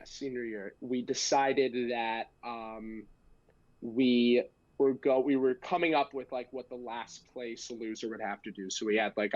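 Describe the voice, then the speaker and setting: A man's voice: medium pitch, a little mellow, no echo, muffled recording. A young American man telling a casual story as a podcast guest, with a joking, self-deprecating, slangy manner. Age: young adult. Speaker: guest, amateur stand-up comedian.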